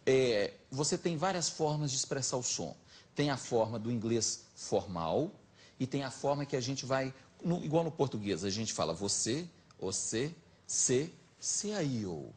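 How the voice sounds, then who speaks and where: Guy w a mineiro accent telling stories on a talk show, lively, chatty, middle-aged. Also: mid-range voice, measured pace. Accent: Minas Gerais. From Minas Gerais, Brazil. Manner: lively anecdotal, animated retelling. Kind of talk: casual storytelling chat.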